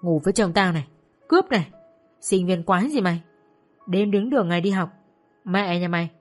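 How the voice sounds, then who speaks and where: A woman's voice: lowish voice, a little fast, faint music behind, lightly acted. A woman voicing a jealous young woman who screams vicious insults in a brawl, in a narrated audio story. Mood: screaming abuse.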